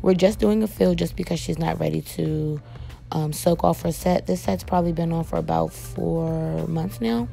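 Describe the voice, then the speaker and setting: A young woman with a hoarse voice and a heavy gravelly rasp narrates a nail tutorial. Her tone is low and mellow as she talks casually and directly to viewers. Faint music plays behind her. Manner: chatty, addresses viewers as "you guys", frequent "um". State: hoarse, voice cracking. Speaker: nail technician and beauty vlogger.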